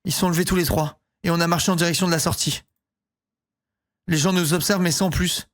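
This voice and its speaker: A woman's voice: fairly low pitch, steady tone, brisk. A woman streaming a story game, reading every line aloud and slipping into put-on voices for the characters. She talks in bursts, stopping often to swear or to comment on the scene. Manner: voices characters with mock accents, breaks into swearing and laughter. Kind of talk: reading a visual novel aloud with live reactions.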